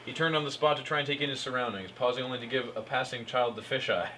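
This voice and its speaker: A fast-talking man with a medium-pitched voice narrates a live comic reading of fan fiction. He stumbles over lines, amused, and cues his fellow performers, all captured in a noisy live room.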